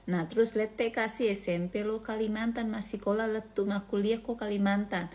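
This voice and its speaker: A woman's voice: medium pitch, level tone, normal speed, a little mellow. Chatty Indonesian woman with Bugis accent. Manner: mixes regional language into chatty talk. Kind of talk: casual monologue.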